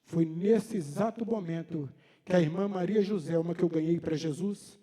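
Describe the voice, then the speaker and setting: High-voiced mineiro preacher in a reverberant hall. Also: male voice, normal speed, mellow. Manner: conversational storytelling, acting out dialogue. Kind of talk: sermon told as a personal story. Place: church hall.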